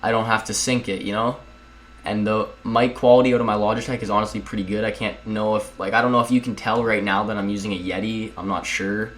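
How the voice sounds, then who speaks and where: A man's voice: on the low side, level tone, fast, fairly bright tone, rough recording. A young man at home casually talking viewers through a video editing tutorial, rambling and chatty, often calling them guys. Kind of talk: casual screen-recorded tutorial.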